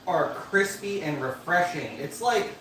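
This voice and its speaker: A man teases his bandmates during a casual band livestream. His voice is a bit high for a man. He sounds distant in an echoey room with clear background noise. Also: expressive, a little slow, a bit bright. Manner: laughing, teasing. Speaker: band member. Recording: roomy echo, off-mic, noise.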